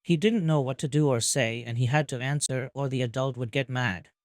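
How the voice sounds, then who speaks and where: Man narrating calmly, dry close sound. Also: medium pitch, brisk, no echo. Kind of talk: scripted narration of fan fiction.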